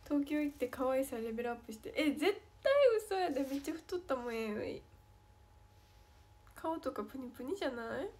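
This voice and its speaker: A woman's voice: high-pitched, expressive, brisk, darkish tone. A young woman with a Kansai Japanese accent, chatting playfully on a livestream as she reads fan comments aloud and answers them. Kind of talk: casual livestream chat.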